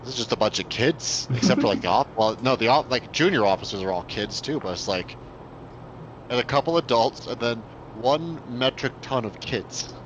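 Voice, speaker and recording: A man's voice: mid-range voice, animated, normal speed. A man co-hosting a casual hobby stream, talking in a rambling way with lots of restarts. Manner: rambling, many fillers and restarts. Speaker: co-host. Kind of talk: casual chat. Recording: dull lo-fi sound, faint noise.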